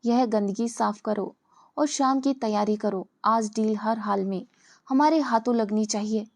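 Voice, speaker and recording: A woman's voice: on the high side, measured pace. A woman voicing an arrogant, cold young rich man who talks in a cool, sarcastic, dismissive way. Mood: scornful.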